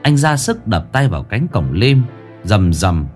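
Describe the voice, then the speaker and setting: Brief: low-voiced man, lively ghost-story narrator, faint music bed. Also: a little slow. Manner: expressive storytelling, acts out all voices.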